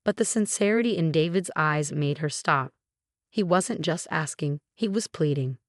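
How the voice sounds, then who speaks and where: A woman reading a family drama story aloud in an even, measured way. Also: sits low, no room sound, clean studio sound. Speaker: story narrator. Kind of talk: scripted narration.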